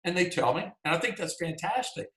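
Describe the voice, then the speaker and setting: A man's voice: high voice, animated, a little fast, a bit bright. A man from Georgia with a Southern accent, presenting a writing workshop over a video call in a folksy, conversational way. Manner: folksy and conversational, many "you know"s. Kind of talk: teaching a writers' workshop. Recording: roomy echo.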